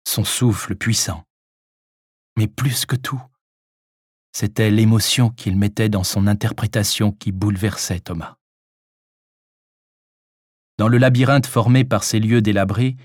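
A man narrating a suspenseful story in a steady, measured audiobook reading. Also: on the low side, no echo, clean studio sound.

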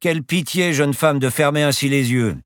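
A man's voice: on the high side, normal speed, dry recording, clean studio sound, pitched above the performer's own voice, lightly acted. Man playing a boastful, teasing old professor. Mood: calm grandiose. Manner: grandiose, teasing. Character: boastful eccentric old professor pilot, playful.

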